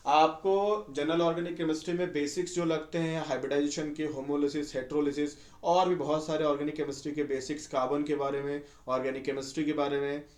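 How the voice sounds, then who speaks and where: A man's voice: fairly high pitch, a little mellow. A male chemistry teacher giving a conversational exam-prep lecture, often asking students rhetorical questions. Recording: echoey room.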